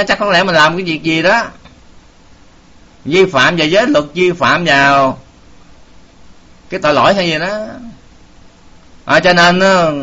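A man's voice: fairly high pitch, bright, forceful tone. A man, a Buddhist preacher telling a story in a folksy way, with many filler sounds and direct words to the audience. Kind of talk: sermon storytelling. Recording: dull lo-fi recording.

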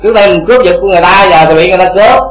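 A man's voice: high voice, rapid-fire, reverberant, soft background music, low-quality recording. A man teaching Buddhist dharma to a congregation, asking rhetorical questions again and again.

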